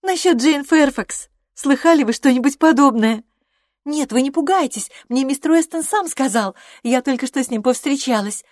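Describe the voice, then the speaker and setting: A woman voicing an excitable, naive young woman who speaks in a high, gushing rush. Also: moderate pace, no echo, studio quality, lightly acted. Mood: eager.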